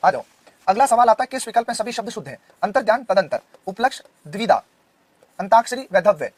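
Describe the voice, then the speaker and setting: A man in his thirties with a Rajasthani Hindi accent, teaching an online exam-prep Hindi class and firing quick questions at his students. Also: sits high, lively intonation. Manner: drilling students with quick questions, loud and insistent.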